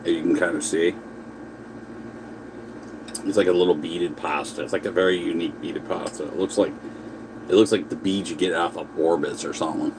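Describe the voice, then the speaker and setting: A man's voice: sits low, steady tone, a little fast, pauses often, background noise. A man chatting casually on a livestream while eating, answering viewer comments and talking with his mouth full. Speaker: livestream host.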